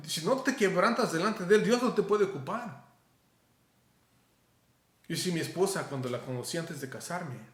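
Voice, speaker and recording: Mexican pastor guy preaching, chatty and lively, talks right at you, kinda high voice. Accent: Mexican Spanish. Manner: conversational, animated preaching with direct address. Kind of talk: sermon. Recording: roomy echo.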